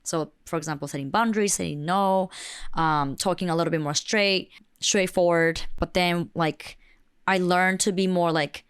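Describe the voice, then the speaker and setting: Smooth-voiced Japanese woman chatting. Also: lowish voice, normal speed, no room sound, clean studio sound. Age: 20s. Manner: chatty, fills with "like", mixes in Japanese phrases. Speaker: podcast guest. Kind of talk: casual conversation.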